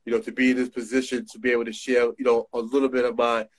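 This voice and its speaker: Racing along in a mid-range voice with little pitch movement, this middle-aged New Jersey designer talks with a New York area accent. He's a guest in a casual video-call interview, filmed on a phone's front camera in a small room, and he leans on street slang and emphatic repetition.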